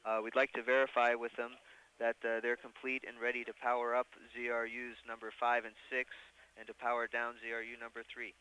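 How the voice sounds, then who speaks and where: A man's voice: mid-range voice, completely flat delivery, brisk, sharp tone, clean tone, low-quality recording. A man working as a mission control communicator, making formal procedural calls in an astronaut radio exchange.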